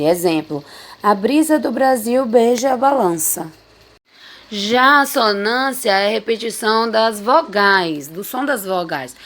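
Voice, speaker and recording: A woman teacher explaining a lesson, reading out examples and often checking with the listener. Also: a little high. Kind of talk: explaining figures of speech in a lesson.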